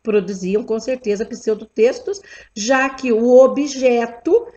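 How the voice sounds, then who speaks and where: A woman, lecturing teachers in a deliberate way and checking in with rhetorical questions. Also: fairly high pitch, fairly even intonation, warm tone. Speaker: teacher educator. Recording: dull lo-fi recording.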